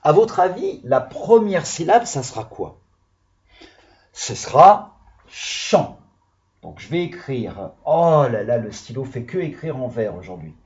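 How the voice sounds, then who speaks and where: A man's voice: medium pitch, big pitch swings, moderate pace, few pauses, darkish tone, dull audio. A male primary school teacher giving a video phonics lesson to young children, patiently sounding out syllables.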